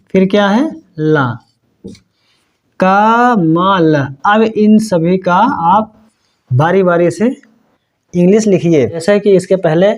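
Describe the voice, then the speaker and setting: A middle-aged man teaching a language lesson slowly and patiently, repeating each step and checking that the learners understood. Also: sits high, darkish tone. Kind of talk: slow blackboard-style language lesson.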